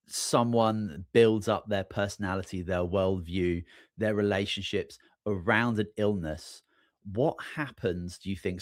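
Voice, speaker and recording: A man in his forties hosting a podcast, relaxed and friendly, with plenty of fillers. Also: deep voice, dry recording, studio quality. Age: 40s. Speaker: podcast host. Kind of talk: podcast conversation.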